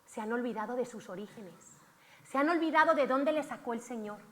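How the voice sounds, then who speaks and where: A woman's voice: fairly high pitch, brisk. A woman preacher giving a theatrical sermon in a church, acting out cries from the scripture. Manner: theatrical, shouts out acted cries of the lepers. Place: church hall. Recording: long hall reverb.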